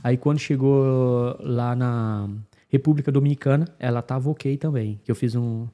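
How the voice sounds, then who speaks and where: A man from Brazil tells a travel story in relaxed, casual conversation, acting out the people he met. His voice is dark and mellow, sitting at a middle pitch. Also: moderate pace. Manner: animated, acts out dialogue with voices. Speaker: guest telling travel story.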